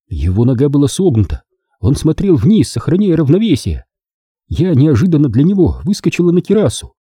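A guilt-ridden woman confesses in a husky, tense voice, as a man reads her part. The tone is dark and rough, and pitched above his own. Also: no echo, studio quality.

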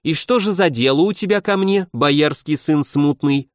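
A man's voice: fairly high pitch, moderate pace, dry recording, clean studio sound, pitched above the performer's own voice, close to an everyday voice. A man narrating a story and voicing a stern young princess who holds court, speaking in a curt, commanding way.

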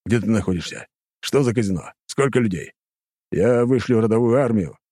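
A man's voice: fairly low pitch, lively intonation, normal speed, warm tone, no room sound, clean studio sound, voice pushed up. A man voicing a stern middle-aged count speaking to his son on the phone. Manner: stern, clipped, commanding.

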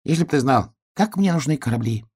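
A man putting on a small dreamy hedgehog, high and eager. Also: lively intonation, brisk, a little mellow, slightly rough. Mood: wistful. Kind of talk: storybook reading.

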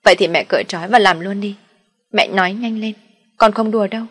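A woman's voice: mid-range voice, fast talker, fairly bright tone, natural voice. A woman voicing a desperate wounded young boy who pleads and insists, in an audio story. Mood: insistent.

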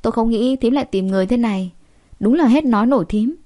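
A woman's voice: a little high, fast, lightly acted. Haughty irritable young rich wife, read by a woman. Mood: irritated. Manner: sharp, complaining.

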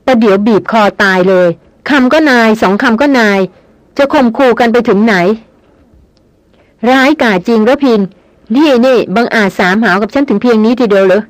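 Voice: mid-range voice, normal speed, no echo, natural voice, rough recording. A reader voicing a proud, hot-tempered young noblewoman who scolds sharply and with tearful reproach, in an audiobook reading. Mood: angry.

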